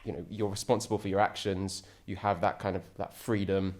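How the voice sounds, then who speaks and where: A very low-pitched man talks eagerly as an interview guest. He rambles a little, backs up and restarts his thoughts, and keeps an easygoing, conversational tone. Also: flat delivery, fairly quick, darkish tone. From England. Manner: enthusiastic, rambling with frequent restarts. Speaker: podcast guest, ocean sailor. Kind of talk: casual interview chat.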